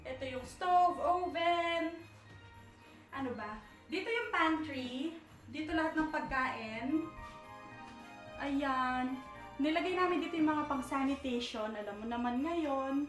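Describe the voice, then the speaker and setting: A woman's voice: sits high, takes it slowly, pauses often, fairly bright tone, far from the mic. A young woman vlogger casually touring her apartment at night, rambling and searching for words as she mixes in English. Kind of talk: casual home tour vlog. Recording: echoey room, voice from off-mic, faint music.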